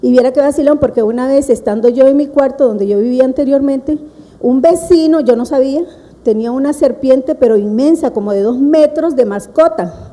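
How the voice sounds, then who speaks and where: A woman with a Costa Rican accent telling a personal story to a seminar audience, lively and laughing at herself. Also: high-pitched, a little fast, big-room sound, rough recording. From Costa Rica. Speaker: seminar speaker.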